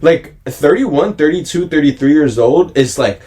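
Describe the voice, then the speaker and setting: A man's voice: on the high side, animated, moderate pace, dark tone, slight background noise. A man in his twenties, a podcast co-host in casual chat, rambling in slang and saying bro a lot. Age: 20s.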